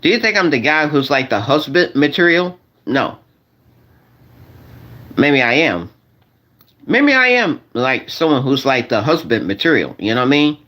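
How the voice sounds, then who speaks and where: Man, forties, vlogger; loose slangy monologue, repeats himself, lively pitch. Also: moderate pace, pauses often. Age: 40s. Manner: repetitive, restarts and repeats phrases; slangy, addresses viewers as y'all. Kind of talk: rambling casual monologue to viewers.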